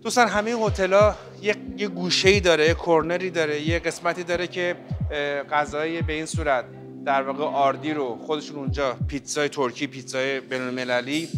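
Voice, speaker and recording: A man's voice: on the high side, steady tone. Chatty man touring a hotel buffet. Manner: chatty, addresses viewers as friends, many fillers. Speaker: hotel review vlogger. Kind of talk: walking tour commentary. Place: hotel buffet restaurant, indoors. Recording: background music under voice. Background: background music.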